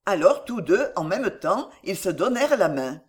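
An audiobook narrator reading a novel aloud with expressive, varied intonation. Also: medium pitch, moderate pace.

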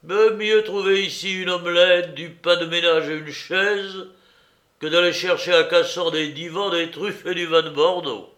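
A man voices a worn-out older magistrate in a storybook reading, shouting out his relief and enthusiasm at full volume. The voice sits in a roomy, echoing space. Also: high-pitched, steady tone, unhurried, pitched above the performer's own voice. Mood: enthusiastic. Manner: exclamatory, bursting with relief. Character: weary, excitable older male magistrate.

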